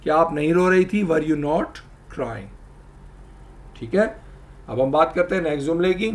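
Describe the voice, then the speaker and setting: A man teaching English grammar, explaining slowly and repeating example sentences. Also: on the high side. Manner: addresses viewers, asks them to try. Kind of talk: spoken language lesson.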